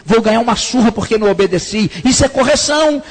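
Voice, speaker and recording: A pastor with a notably high voice preaches to couples, acting out the people in his stories. His voice rings with the long reverb of a large church hall. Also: animated, quick pace. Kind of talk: sermon to couples.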